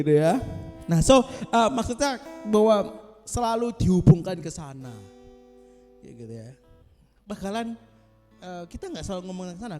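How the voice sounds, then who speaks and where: Man, pastor, fairly high voice, chatty and self-mocking, video call, roomy echo, faint guitar behind. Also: a little mellow. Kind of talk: casual small-group devotional talk.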